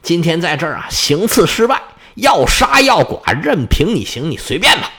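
A man's voice: fairly high pitch, very animated, moderate pace, sharp tone, slightly rough, full character voice. A man voicing a proud, fearless young Roman assassin who talks back defiantly to his captor. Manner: defiant, boastful.

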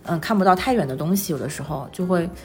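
A woman in her thirties chatting casually as an interview guest, telling personal stories in an animated, self-deprecating way. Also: fairly low pitch, fast talker, faint music behind. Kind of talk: casual conversational storytelling.

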